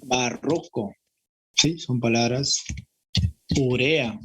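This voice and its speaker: A man's voice: mid-range voice, extremely slow, bright, forceful tone, slight background noise. A man with a Peruvian Spanish accent teaching an exam-prep grammar lesson in a classroom, repeating his points and checking in with students. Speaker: language teacher.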